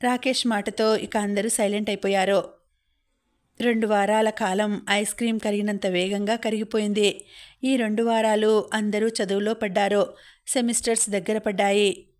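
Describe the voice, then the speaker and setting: Female audiobook narrator, Telugu accent, mid pitch, voices all the characters in the dialogue lightly. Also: flat delivery, moderate pace. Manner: reads all characters' lines in a lightly varied voice.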